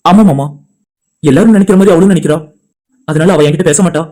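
A man voicing a young son-in-law, polite and quietly hurt. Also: on the high side, fast talker, close to an everyday voice. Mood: subdued. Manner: polite, subdued. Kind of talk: amateur cartoon voice acting.

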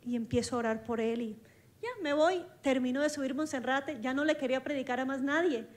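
A woman preacher telling a personal story in a sermon, lively and acting out the dialogue. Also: high voice, brisk. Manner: lively, acts out dialogue, laughs along with her story.

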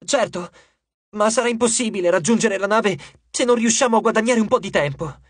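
A man's voice: high-pitched, a little fast, slightly rough, no echo, voice pushed up. A man voicing a determined teenage demigod girl calling out urgently in an audiobook. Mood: tense.

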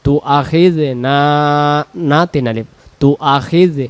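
A man teaches Quran recitation in a smooth, clear, fairly high voice. He explains the rules, then stretches each verse into a slow, drawn-out chant. The sound is dry and close. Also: no room sound.

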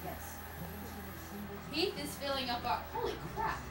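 A young woman with a high, expressive voice playfully hosts a homemade cooking show in her small home kitchen, and the recording is very noisy. She's bubbly and teasing, breaking into quick outbursts every so often.

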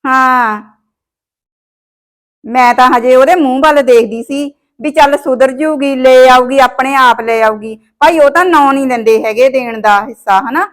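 A woman's voice: high voice, unhurried. A woman playing a bossy scheming mother-in-law. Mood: gossiping. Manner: scolding, domineering, scheming. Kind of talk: village comedy short film acting.

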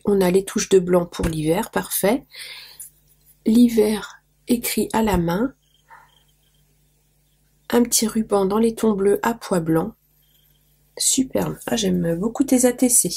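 A woman's voice: medium pitch, mellow, husky. A woman losing her voice, chatting casually to viewers as she opens mail and gushes over small details. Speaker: craft vlogger opening mail. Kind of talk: casual show-and-tell to viewers.

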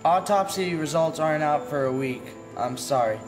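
An apologetic young police officer, played by a teenage boy in a student film. He delivers the news in a slightly high voice, plain and matter-of-fact. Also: moderate pace, music in the background, lightly acted. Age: teens. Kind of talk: amateur student film acting.

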